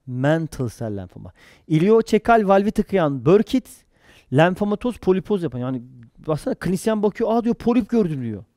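Male lecturer for exam prep: high-pitched, recorded dry and close, quizzes students and answers his own questions. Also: fairly quick, dry recording. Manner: lively, jokey asides with mnemonics. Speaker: pathology lecturer.

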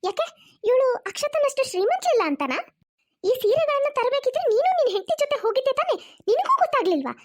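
A woman voicing an older mother-in-law in a cartoon, speaking slowly and reproachfully. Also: very high voice, very animated, voice pushed up. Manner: slower, reproachful.

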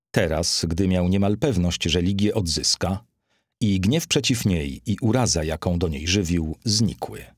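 A man narrating a classic novel as an audiobook in measured, steady storytelling. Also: deep voice, breathy edge, no echo, clean studio sound. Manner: measured storytelling, voices characters lightly. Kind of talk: scripted literary narration.

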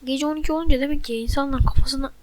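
A woman giving gameplay commentary into a desk microphone, exasperated and loudly mocking her teammates. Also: sits high, fairly even intonation, rapid-fire, heavy background noise. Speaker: gamer.

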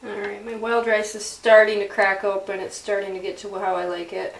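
This young woman's mid-range voice is creaky and flat, and her pace is brisk. She's a home cooking vlogger doing a relaxed demo in her kitchen, chatting and joking to the camera. A camera mic a few feet away captures noisy, echoey audio.

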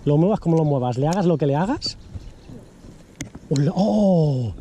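Male fishing vlogger, dark warm voice, lively swoops, excitable slangy riverside chatter on an action cam. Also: a little high, brisk, lo-fi sound, slight background noise. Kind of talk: casual outdoor fishing chatter. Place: outdoors by a river. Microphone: action camera.

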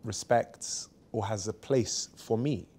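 Emphatic man, low voice, studio interview. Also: takes it slowly, husky. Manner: emphatic, candid, lively anecdotes. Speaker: barrister and author, interview guest. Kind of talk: seated conversational interview. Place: small bright studio set.

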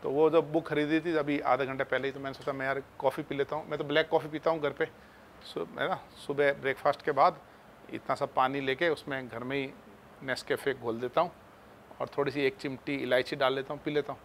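A man's voice: mid-range voice, level tone, brisk, fairly bright tone, a little hiss or hum. A man teaching chemistry in a casual, chatty way, talking to his students like friends. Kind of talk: casual classroom talk.

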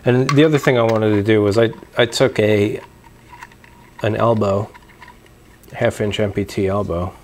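A young man hosting a homebrewing video, casually explaining and demonstrating parts in a relaxed way with fillers and restarts, recorded on a lapel mic in a small room at home. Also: fairly low pitch, normal speed, long pauses, slight background noise. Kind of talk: casual show-and-tell demonstration.

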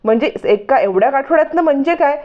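A woman's voice: high voice, lively intonation, fast talker, muffled recording, voice pushed up. A woman voicing a scheming man, scolding. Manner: scolding, suspicious questions. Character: scheming middle-aged man, scolding and sly.

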